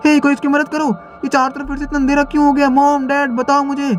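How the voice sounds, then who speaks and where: Squeaky scared kid, flat high voice, talks fast, panicky. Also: male voice, soft background music. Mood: panicked. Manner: panicky, pleading questions. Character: frightened young boy in a nightmare.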